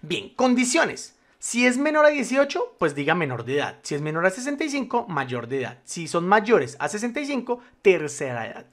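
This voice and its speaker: Spreadsheet instructor, male, animated up-and-down delivery, patient and reassuring, keeps checking the viewer follows. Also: sits high, moderate pace, hardly any pauses. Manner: formal address to the viewer, patient step-by-step explaining. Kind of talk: screen-recorded software tutorial.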